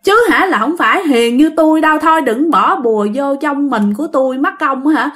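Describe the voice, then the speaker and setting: A woman's voice: high-pitched, expressive, normal speed, fairly bright tone. A woman voicing a begging drowned-boy ghost. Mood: pleading. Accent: Southern Vietnamese. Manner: begging, rambling, with many "hả" fillers.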